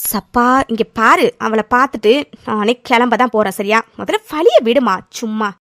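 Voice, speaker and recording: Patient young cartoon woman, calm, coaxing, high-pitched, dry close sound. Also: moderate pace, no room sound.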